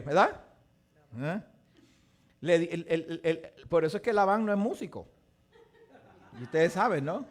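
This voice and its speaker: A man teaching a live Bible lesson, asking his audience questions and acting out the voices of biblical figures. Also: sits high. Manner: animated, asks the audience questions, acts out quotes. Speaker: teacher of a Torah portion study.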